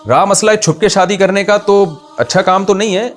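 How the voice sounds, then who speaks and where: A man, an Islamic scholar, answering viewer questions in a conversational, explanatory way, with rhetorical questions and his pitch rising on emphasis. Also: moderate pace, faint music behind. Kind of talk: religious Q&A talk.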